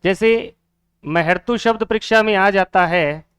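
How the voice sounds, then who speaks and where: A man's voice: sits high, a little slow, fairly bright tone, clear, resonant tone, no room sound, studio quality. A man teaching a Hindi grammar lesson for exam students, asking questions and answering them himself, repeating each key word.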